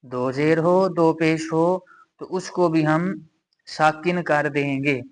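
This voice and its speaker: A man with a Pakistani Urdu accent teaching a Quran reading lesson, patiently repeating each rule and reciting examples slowly. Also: on the high side. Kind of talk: slow explanatory lesson.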